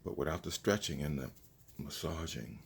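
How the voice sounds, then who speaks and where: A man chewing gum while he calmly talks through a stretching and massage routine, holding the camera himself. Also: very deep voice, creaky, husky. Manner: slow, relaxed, chewing gum while talking. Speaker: doctor demonstrating self-massage. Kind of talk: casual instructional vlog. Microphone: handheld phone camera.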